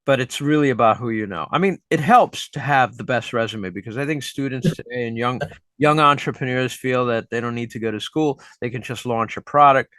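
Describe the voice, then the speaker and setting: With a medium-pitched, fairly bright voice and a fairly quick delivery, this middle-aged host and teacher poses interview questions and offers comments. He's chatty and reflective, leaning on plenty of fillers, and there's no room sound on the recording.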